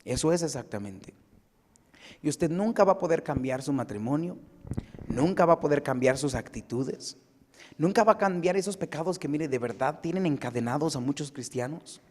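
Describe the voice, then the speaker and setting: It's an American pastor in a church sanctuary, heard through long church-hall reverb. His fairly high voice keeps a normal speed as he recounts a personal story in lively fashion, steadily building toward emphatic exhortation.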